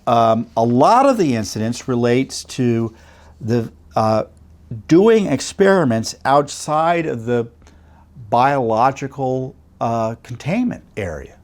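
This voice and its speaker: A man's voice: mid-range voice, darkish tone. A middle-aged man hosting a commentary segment, talking in a conversational way with fillers and rhetorical questions. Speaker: host. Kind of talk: commentary to camera.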